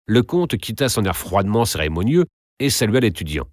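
A man with a very deep voice reads a classic novel aloud, theatrical and expressive with a lively, wide-ranging pitch. The recording is dry and close. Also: fairly quick, no room sound. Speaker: narrator. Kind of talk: audiobook narration of a classic novel.

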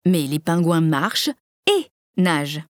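A woman reading a children's story aloud with clear, measured storytelling. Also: sits low, sing-song, dry recording, studio quality. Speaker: narrator.

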